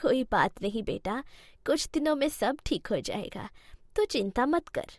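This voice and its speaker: Cartoon role: elderly mother-in-law, voiced by a woman, slow and scolding, bone-dry sound. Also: on the high side, lively intonation, dry recording, voice pushed down. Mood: stern, gentle. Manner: slow, scolding, then soothing. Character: stern but caring old Indian mother-in-law. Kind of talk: cartoon storybook voice acting.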